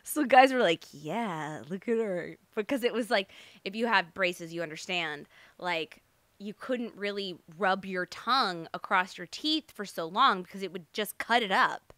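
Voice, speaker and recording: Bright-voiced American woman lisping through retainers. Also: medium pitch, lively intonation, normal speed, dry recording. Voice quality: slightly lisping, slurred speech from wearing dental retainers. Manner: brash, sweary, jokey. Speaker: podcast host. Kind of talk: casual chatty solo podcast.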